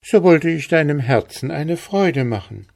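A man doing a pleading young girl from a storybook, voice pushed up high and full of complaint. She sounds lamenting and anxious, her pitch climbing sharply, a small worried creature begging for an answer. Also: expressive, measured pace, gravelly, a little mellow, no echo, studio quality, full character voice. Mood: plaintive. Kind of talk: fairy tale reading.

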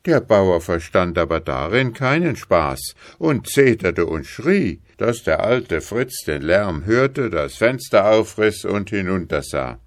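A man reads an old folk tale in a deep, unhurried voice with a lively, rising and falling melody. The sound is close and dry, with no room around it. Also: no echo. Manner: measured, expressive. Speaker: storyteller.

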